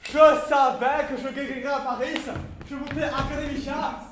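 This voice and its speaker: An actor playing a capricious, easily amused royal majesty in a stage farce, theatrical and exclamatory. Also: male voice, very high voice, little pitch movement, moderate pace. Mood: hysterical delight. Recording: echoey stage, faint noise.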